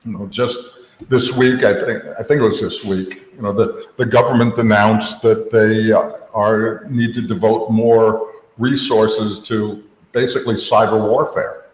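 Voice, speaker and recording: A man's voice: fairly low pitch, steady tone, measured pace. Rambling man on an echoey podcast. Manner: rambling, full of restarts and "you know". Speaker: co-host. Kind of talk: casual tech podcast chat. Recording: echoey room with long reverb.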